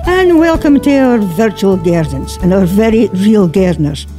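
A woman's voice: medium pitch, animated, normal speed, music in the background. A woman with a broad Scottish accent presenting a gardening radio programme, chatty and bantering, with Scots dialect words. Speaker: radio host.

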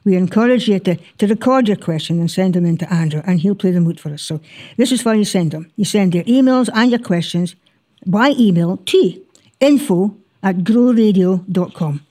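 A woman's voice: mid-range voice, animated, normal speed, mellow. A woman with a broad Scottish accent presenting a gardening radio show informally and chattily, sprinkling in Scots words.

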